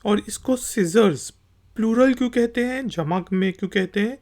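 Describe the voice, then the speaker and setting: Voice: mid-range voice, moderate pace, darkish tone. A language teacher from Pakistan giving a patient lesson, spelling each word letter by letter and repeating it. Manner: patient and repetitive. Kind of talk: explanatory lesson.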